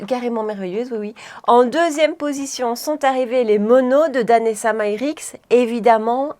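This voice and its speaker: A woman chatting casually through a makeup tutorial, rambling and often correcting herself mid-sentence. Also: a little high. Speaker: beauty vlogger.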